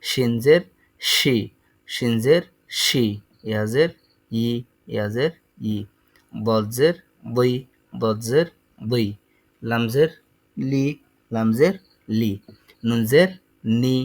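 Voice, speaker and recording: A man teaching Quran letter sounds, saying each letter and its vowel twice in a slow, deliberate drill. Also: medium pitch, poor audio. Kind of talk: slow recitation lesson.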